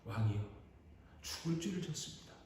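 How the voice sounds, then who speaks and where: A man voicing a frightened prime minister who pleads in a low voice, in an echoey hall. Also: fairly even intonation, a little fast, darkish tone, a little hiss or hum, lightly acted. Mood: pleading.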